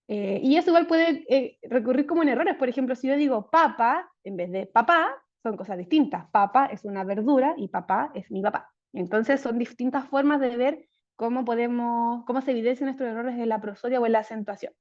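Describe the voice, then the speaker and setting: A woman speech therapist giving an online lecture, explaining things clearly and steadily. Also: on the high side, dull audio. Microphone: video call.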